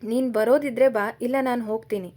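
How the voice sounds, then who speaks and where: A woman's voice: a little high, steady tone, a little fast, darkish tone, lightly acted. A woman voicing a moody, brooding young man who speaks curtly and impatiently, in a storybook reading. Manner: curt, impatient.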